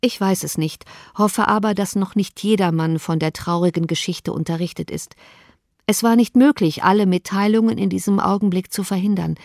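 A woman reading a gentle, soft-spoken elder sister. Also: medium pitch, moderate pace, no echo, studio quality, lightly acted. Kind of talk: audiobook reading.

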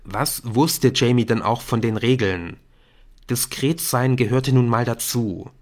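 A man narrating an audiobook in an expressive storytelling manner. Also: mid-range voice, measured pace.

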